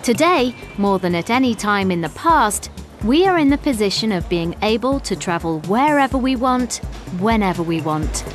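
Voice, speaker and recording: A woman reading scripted documentary narration in a measured, clearly enunciated way. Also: mid-range voice, expressive. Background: background music.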